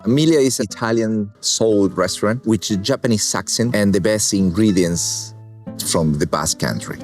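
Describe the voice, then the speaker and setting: A man from Argentina speaking English with an Argentine Spanish accent, calmly talking a viewer through a cooking demonstration. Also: on the low side, soft background music. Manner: unhurried, plain non-native English with calm explaining. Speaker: chef.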